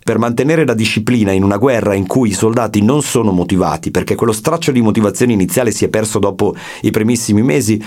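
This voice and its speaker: A man explaining history in a measured lecture, now and then reading a passage aloud, with small restarts as he talks. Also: lowish voice, darkish tone. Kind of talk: spoken lesson with read-aloud passages.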